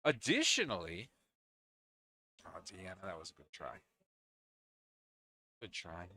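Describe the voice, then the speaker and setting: Lively, bright-voiced male pool commentator. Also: low voice, takes it slowly. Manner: chatty, talks to co-commentator between shots. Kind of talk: live play-by-play commentary. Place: indoors at a pool league venue.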